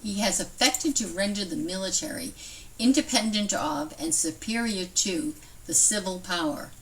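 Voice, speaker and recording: A woman's voice: mid-range voice, normal speed, fairly bright tone. A woman reading a formal historical document aloud. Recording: somewhat distant from microphone.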